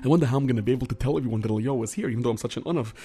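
A man playing an excitable, self-important pious man in a told story, theatrical, muttering and exclaiming. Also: mid-range voice, rapid-fire, faint music behind, close to an everyday voice. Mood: eager, muttering.

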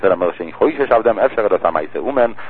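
A man with a husky, somewhat low voice rattles through a religious law lesson at a fast clip. He keeps circling back to repeat key phrases as he explains. The sound is thin and tinny, like a phone line. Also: lively intonation. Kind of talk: text-study lesson.

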